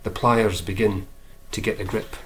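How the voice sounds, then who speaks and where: Low-voiced man reading his poems. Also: flat delivery, normal speed, a bit bright, slight background noise. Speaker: poet. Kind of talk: poetry reading.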